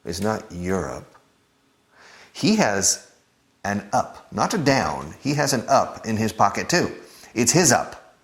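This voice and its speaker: A man teaching a beginner English lesson, drilling pronunciation by repeating words slowly. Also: lowish voice, very animated. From United States.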